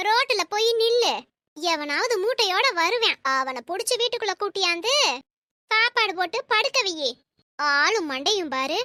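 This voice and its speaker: Woman voicing a shrill scolding old mother-in-law. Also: pushed and bright, dry recording, clean studio sound, full character voice. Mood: indignant. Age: older. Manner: shrill, accusing, wailing complaints. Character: scolding older mother-in-law, sharp-tongued and suspicious. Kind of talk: cartoon voice acting.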